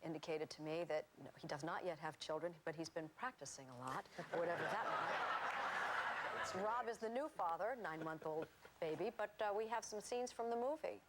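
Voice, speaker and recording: A woman hosting a television talk show, asking measured, probing questions. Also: on the low side, noisy background. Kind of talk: television interview.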